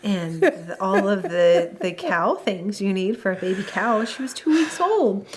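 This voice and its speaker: Female farm co-host, thirties, mid-pitched, chatty and laughing. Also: animated, a little hiss or hum. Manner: chatty, laughing, quick asides. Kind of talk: casual storytelling chat.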